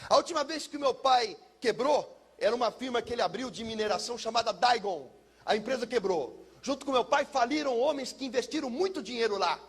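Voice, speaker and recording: A middle-aged pastor with a high, gravelly voice and a husky edge tells his life testimony. He spins it like a dramatic story and sinks low and quiet at the painful parts. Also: fairly quick. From São Paulo, Brazil. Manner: dramatic storyteller, drops low and soft for heavy moments. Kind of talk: personal testimony sermon.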